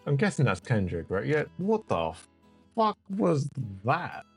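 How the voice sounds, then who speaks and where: Man, music reaction host, blunt, profane, slow-paced, faint music in background. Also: medium pitch, huge pitch swings, vocal fry, husky. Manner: blunt, heavy swearing, exasperated outbursts. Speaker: music reviewer. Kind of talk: reaction and review. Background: faint music playing.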